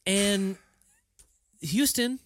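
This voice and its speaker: A man's voice: high-pitched, extremely slow, a bit bright. A man in a casual sports chat, talking emphatically and in an exasperated way, with many restarts.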